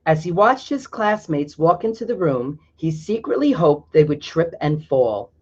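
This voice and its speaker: A male storyteller with a fairly high, sing-song voice reads a picture book to children at a measured pace, pausing now and then to explain things to his young listeners. The recording is dull and lo-fi, with a little hiss or hum.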